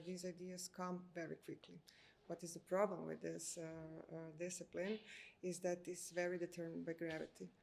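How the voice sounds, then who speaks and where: A woman's voice: fairly low pitch, creaky, slight background noise. Croatian-accented woman, hesitant and thoughtful. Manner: hesitant, many filler sounds, searching for words. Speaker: architect. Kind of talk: interview answers.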